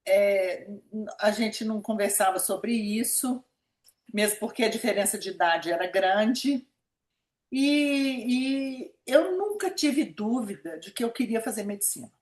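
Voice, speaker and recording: Her medium-pitched voice is animated yet unhurried, with a darkish quality. The interviewee, a pediatric nephrologist near seventy with a Minas Gerais accent from Brazil, chats about her life and repeats words for emphasis, while the room around her echoes.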